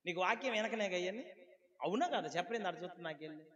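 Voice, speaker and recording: Man preaching, high voice, rhetorical questions, quiet pleading to loud exclaiming, long hall reverb. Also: rapid-fire, lo-fi sound. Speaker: pastor. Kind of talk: sermon. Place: church hall.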